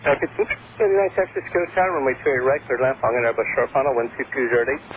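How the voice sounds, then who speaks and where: A man's voice: mid-range voice, lively intonation, racing. A man working as an air traffic controller, giving clipped instructions over aviation radio. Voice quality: interrupted by hiccups. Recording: narrow, tinny radio channel with faint static.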